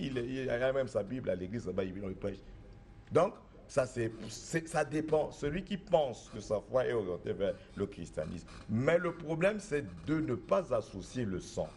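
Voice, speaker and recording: A middle-aged man from the Republic of the Congo, a traditional spiritual master, has a mid-range, slightly mellow voice. Answering interview questions, he is assertive and insistent and repeats his points.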